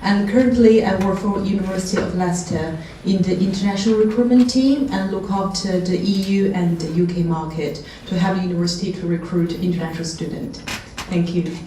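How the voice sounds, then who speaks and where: A woman's voice: on the low side, fairly even intonation, a little fast, mellow, slight background noise. Woman giving a brief panel intro. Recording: echoey lecture theatre from far off.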